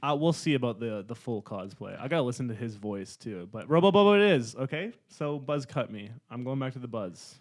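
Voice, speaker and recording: Man, casual co-host, rambles and backtracks, middle pitch. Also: animated, fairly quick, hardly any pauses. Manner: rambling, self-correcting, joking defensively. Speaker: podcast co-host. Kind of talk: casual chat.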